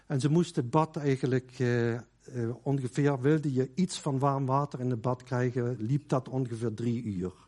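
A man preaching a sermon in a loose, conversational way, with many fillers and quoted lines that drop to a hush. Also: medium pitch, fairly even intonation, moderate pace. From Netherlands.

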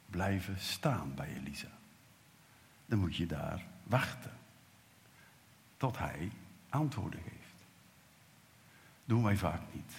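Deep-voiced preacher in a reverberant church. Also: male voice, gravelly. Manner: lively storytelling with acted quotes, swinging from loud to whispered. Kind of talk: sermon.

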